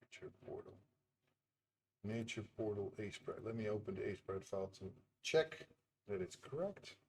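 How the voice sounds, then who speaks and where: Building his game live, a native Dutch-speaking indie developer talks casually, laughs a lot, and mutters as he works. His lowish voice is sing-song and creaky, at a moderate pace.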